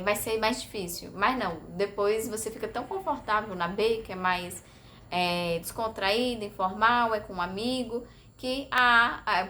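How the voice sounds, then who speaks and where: A woman's voice: mid-range voice, sharp tone, a little hiss or hum. A Brazilian woman talking casually to her viewers, chatty and hesitant, often tagging on little questions and filler sounds. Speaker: vlogger sharing language-study experience. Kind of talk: casual talk to camera.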